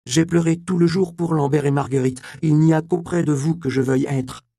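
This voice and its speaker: A man's voice: on the high side, fairly even intonation, normal speed, vocal fry, warm tone, dry recording, clean studio sound, pitched above the performer's own voice. A man voicing an eager, anxious young male apprentice in an audiobook, speaking earnestly and pleadingly in a raised voice.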